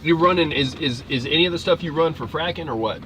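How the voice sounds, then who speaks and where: A man's voice: fairly high pitch, quick pace, bright, forceful tone. A man hosting a livestream, chatting casually in a folksy, joking way. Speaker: livestream host, trucker. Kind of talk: casual chat. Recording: faint outdoor vehicle noise.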